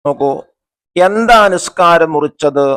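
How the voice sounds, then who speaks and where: A man's voice: fairly high pitch, expressive, unhurried, fairly bright tone. A man teaching a religious school lesson. He reads the textbook aloud, then explains it, asks questions and answers them himself, and glosses key terms.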